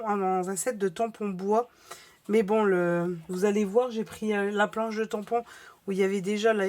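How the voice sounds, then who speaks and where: A female vlogger with a medium-pitched, slightly hoarse voice chats casually as she goes through a crafting haul, with lots of fillers and restarts.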